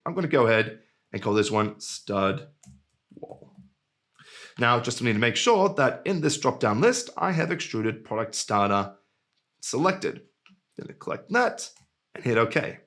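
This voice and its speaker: A man walking through a screen-recorded software tutorial in a relaxed, jokey way. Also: mid-range voice, unhurried, long pauses. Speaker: software trainer.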